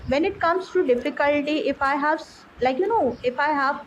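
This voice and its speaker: A woman's voice: high voice, moderate pace, a little hiss or hum, poor audio. A woman practicing conversation as a learner, chatty and filling her speech with "like, you know". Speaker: English learner.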